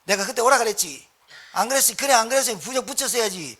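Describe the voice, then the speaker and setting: Male preacher playing a rude shaman scolding a client; blunt, talking down, high and husky. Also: lively intonation, fast, bright, forceful tone, heavily acted. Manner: talks down with blunt, rude informal speech.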